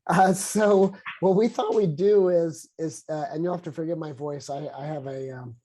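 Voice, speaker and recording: A sociologist who co-leads the conversation opens a webinar on a video call, his voice congested from a head cold. It sits on the high side with a dark tone, and he speaks earnestly, halting and restarting.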